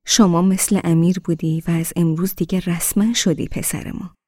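A woman's voice: on the low side, fairly even intonation, darkish tone, dry recording, clean studio sound, close to an everyday voice. Woman playing a sweet, hesitant old grandmother. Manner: hesitant, stops and restarts. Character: sweet-talking elderly grandmother, gentle and hesitant.

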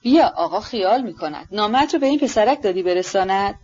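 A woman's voice: mid-range voice, lively intonation, darkish tone, breathy edge. A woman doing a bossy older noble lady, snappy and scolding, audiobook voice, bit dull sound. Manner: scolding, demanding, blunt. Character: imperious older noblewoman, sharp-tongued and fierce. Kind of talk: audiobook reading.

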